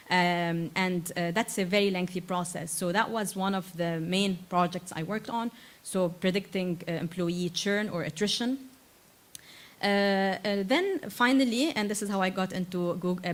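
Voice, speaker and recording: A woman in her thirties from Lebanon, giving a conference talk to students and filling her speech with uh and um as she restarts phrases. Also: medium pitch. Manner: frequent uh and um fillers, self-correcting restarts. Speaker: invited tech speaker.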